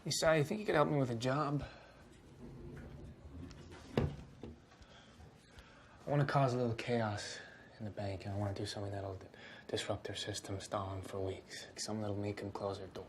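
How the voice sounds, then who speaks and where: A man's voice: lowish voice, steady tone, normal speed, long pauses, slight background noise. Hesitant man in a small film. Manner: hesitant, awkwardly flirting. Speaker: hacker posing as a bank client. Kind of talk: low-budget film acting.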